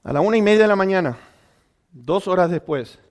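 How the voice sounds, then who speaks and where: A man with a high-pitched voice preaches a sermon, working a personal story into it. He tells it haltingly, with restarts and fillers. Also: expressive, darkish tone. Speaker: pastor.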